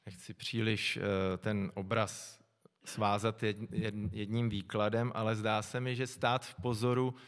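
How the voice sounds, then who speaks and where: A middle-aged man preaching a sermon, calm and reflective, often pausing to think aloud. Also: lowish voice. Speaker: pastor. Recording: long echo from a large hall.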